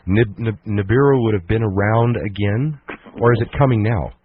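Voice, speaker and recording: A man's voice: lowish voice, moderate pace, slight background noise. A man hosting a radio interview, interjecting with probing questions. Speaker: radio host. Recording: tinny phone-line radio recording.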